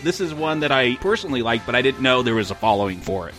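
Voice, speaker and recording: A man's voice: mid-range voice, very animated, fast, fairly bright tone, faint music behind. A man co-hosting a film review podcast in casual conversation. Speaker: podcast co-host.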